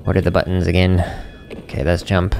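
A middle-aged man giving casual live gameplay commentary in a deadpan, unimpressed, dryly joking way. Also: low voice, fairly quick, gravelly, heavy background noise. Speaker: game streamer. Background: video game sounds.

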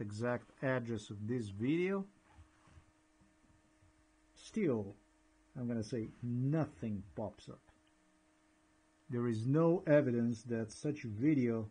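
A man with a husky, breathy voice talks through a screen recording. He rambles excitedly and narrates each step as he clicks through files. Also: mid-range voice, poor audio. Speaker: vlogger.

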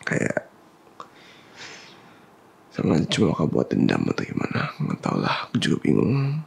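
Young guy whispered role-play as a boyfriend, gravelly husky whisper, swings up and down a lot. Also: sits low, huge pitch swings, normal speed. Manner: intimate, close-up boyfriend talk. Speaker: ASMR roleplayer as boyfriend.

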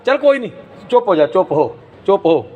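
A man's voice: high-pitched, big pitch swings, fast talker, phone-quality sound, a loud crowd. A man volunteering at a gurdwara, coaxing and reassuring a distressed young woman and repeating himself on a phone video. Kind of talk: consoling questioning on camera. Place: Sikh gurdwara.

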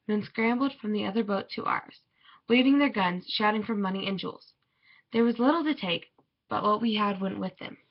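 A woman reads a children's picture book aloud in a measured, expressive way. Her voice is husky with gravelly fry. The recording sounds dull and lo-fi. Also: medium pitch. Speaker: storybook reader.

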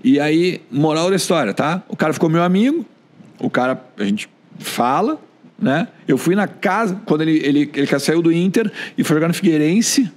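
A man's voice: a little high, moderate pace. A man with a Gaúcho Brazilian accent, a sports journalist telling stories casually on a podcast and acting out the voices of the people he quotes. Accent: Gaúcho Brazilian Portuguese. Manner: animated, acts out quoted voices.

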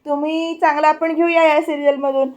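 A woman's voice: high voice, flat delivery, brisk, darkish tone, dull audio. A woman retelling a TV serial episode in a chatty voice-over, often addressing the viewers. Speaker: serial review narrator.

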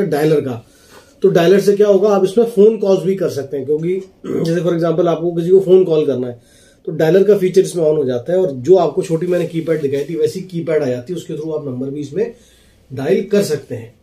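A man in his thirties from India, a product reviewer who sells walkie-talkies, has a mellow, slightly high voice. He gives a casual, explanatory product demonstration from a small indoor office, dropping English phrases into his speech.

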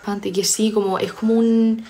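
A woman's voice: medium pitch, fairly even intonation, moderate pace, mellow. A young woman from Spain chatting on a live stream from home, teasing viewers and reading their comments aloud. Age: young adult. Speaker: livestreamer. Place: home, studying.

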